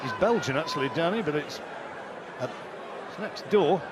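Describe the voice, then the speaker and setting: A man's voice: on the high side, animated, moderate pace. A man giving live darts commentary in a chatty, conversational way with wry asides. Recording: noisy venue with clear crowd behind. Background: darts crowd noise.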